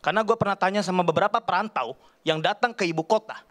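High-voiced rambling stand-up comedian man. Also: fast. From Kalimantan, Indonesia. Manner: animated, rambling, chatty slang delivery. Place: large TV studio stage. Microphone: handheld microphone.

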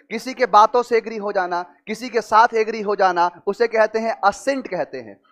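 Male tutor, very high voice, drills word meanings with questions. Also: fairly bright tone. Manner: explains with repeated questions to students. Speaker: teacher. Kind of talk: vocabulary lesson with memory tricks.

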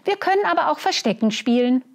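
A woman's voice: fairly high pitch, very animated, moderate pace, a little mellow, voice pushed up. A woman reading a children's picture book aloud, voicing an eager squirrel who likes to show off. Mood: playful. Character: excitable squirrel, eager playmate, proud of its tail.

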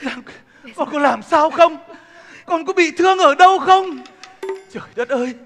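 A man's voice: very high voice, exaggerated voice. A man playing an aging king who grieves for his lost son, singing and crying out in the wailing style of Vietnamese chèo theatre. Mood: relieved worry. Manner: wailing sung laments, drawn-out cries. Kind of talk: traditional Vietnamese chèo singing and stage acting. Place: theatre stage. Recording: loud traditional music behind the singing.

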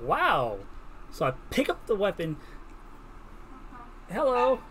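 A man's voice: high voice, huge pitch swings, slow. A young man giving casual gameplay commentary at home, muttering reactions and breaking into sudden exclamations. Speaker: gaming video creator. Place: room at home. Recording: loud background noise with mouse clicks.

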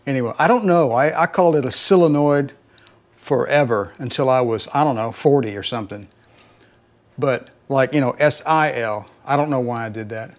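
A man's voice: medium pitch, moderate pace. A middle-aged man with a Southern US accent who hosts a garage channel. He narrates casually as he works on a car, rambling and talking to the viewers as folks. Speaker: home mechanic host. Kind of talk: casual how-to narration while working. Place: home garage, working under a car.

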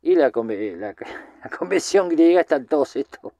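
A man's voice: fairly high pitch, lively intonation, measured pace, gravelly, warm tone, no room sound, lo-fi sound. A man with a Rioplatense Spanish accent giving a casual, chatty film recap, rambling with lots of filler words. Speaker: film commentator.

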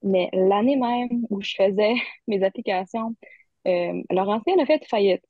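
In a dry, phone-like recording, a young woman from Barrie, Ontario, Canada appears as a university student guest and chats casually about her studies. Her mid-range voice is unhurried, and she talks easily, laughing often.

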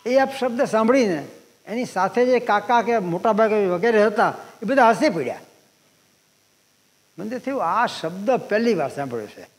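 An elderly man in his eighties tells stories from his own life to a listening audience. His voice sits high for a man, and the talk is unhurried, with pauses and repeated phrases. A long reverb trails after him in a large hall. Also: lively intonation. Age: 80s. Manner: unhurried anecdotal storytelling, pausing and repeating phrases. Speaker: guest speaker at a public talk.

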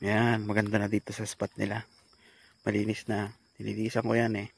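A man's voice: fairly low pitch, monotone, a little fast, gravelly, a little hiss or hum. A man vlogging from his farm outdoors, chatting casually to viewers and calling out to his carabao. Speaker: farmer vlogger. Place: outdoors on a farm among trees. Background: insects and animals.

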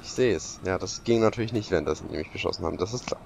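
A man's voice: low voice, quick pace, vocal fry, noisy background. A man commentating a video game as he plays, sarcastic and exclaiming, talking to his viewers. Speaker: let's play commentator. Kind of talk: gaming commentary.

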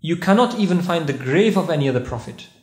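A man with a fairly high, expressive voice talks fast as he delivers a sermon-style lecture as a visiting speaker at a mosque conference. He puts questions to the crowd and recites Arabic verses in an echoing, carpeted prayer hall indoors.

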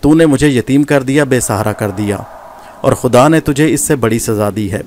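A man with a natural, expressive mid-range voice plays a furious young woman, spitting bitter, scornful insults at the man who killed her father. Music runs underneath.

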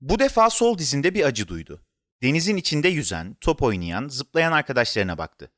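A man narrating a children's story in an expressive, animated storytelling manner. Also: medium pitch, normal speed, dry recording, clean studio sound.

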